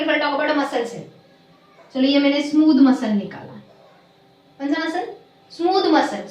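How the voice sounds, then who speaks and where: High-voiced woman teacher in an echoey room. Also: far from the mic, slight background noise. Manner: slow, deliberate stressing of key terms, quizzing students. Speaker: biology teacher. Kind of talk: classroom lecture mixing Hindi and English.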